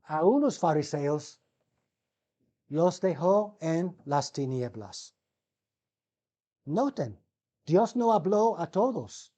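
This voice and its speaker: A man's voice: fairly high pitch, animated, drawn-out words, long pauses, dark tone. A man giving a seminary Bible lecture, calling his listeners brothers, asking them rhetorical questions and often restarting words mid-sentence. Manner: asks the class rhetorical questions.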